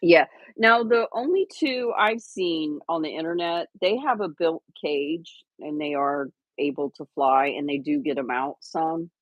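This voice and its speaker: A woman's voice: low-pitched, unhurried, few pauses, dry recording, lo-fi sound. A woman co-hosting a casual livestream, chatty and rambling with lots of fillers and restarts. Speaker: livestream co-host.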